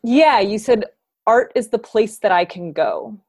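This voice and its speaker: A woman's voice: mid-range voice, lively intonation, measured pace, a little mellow. A woman interviewing a musician, asking curious questions and rephrasing them when she loses her thread.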